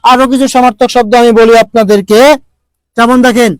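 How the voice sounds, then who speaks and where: A man's voice: very high-pitched, fairly even intonation, fairly quick, smooth, dry recording. A man teaching an online grammar lesson, repeating words and drilling the class with questions. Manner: repetitive, drilling questions to students.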